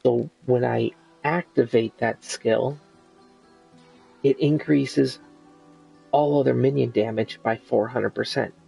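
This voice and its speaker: A man talks casually through his video game. His voice is very gravelly and husky, and he explains in stops and starts over faint music. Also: medium pitch, steady tone, takes it slowly, long pauses, warm tone, low-quality recording. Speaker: gamer commentating on own play. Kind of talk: casual gameplay commentary.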